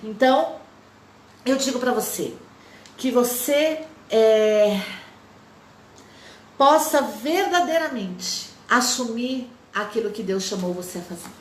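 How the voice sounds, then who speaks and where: A woman's voice: a little high, animated, slow, long pauses, echoey room, slight background noise. A woman in her forties, a lay missionary, giving an emotional testimony sermon and acting out the dialogue of her story.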